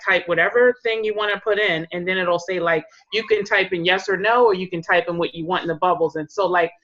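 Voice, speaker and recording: A woman's voice: on the low side, sharp tone, lo-fi sound. A woman in direct sales casually sharing tips on a group call, rambling with lots of fillers.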